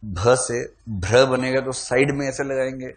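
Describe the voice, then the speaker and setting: A man teaching a classroom lecture, animated, quizzing the class with questions. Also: medium pitch, unhurried.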